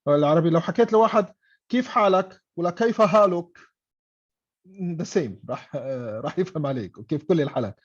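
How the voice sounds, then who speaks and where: A man's voice: on the high side, very fast, darkish tone, slightly rough. Guy teaching english online, keeps saying okay?, muffled lo-fi audio. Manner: mixes English and Arabic, frequent "okay?" checks. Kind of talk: online class explanation. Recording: dull lo-fi online call audio.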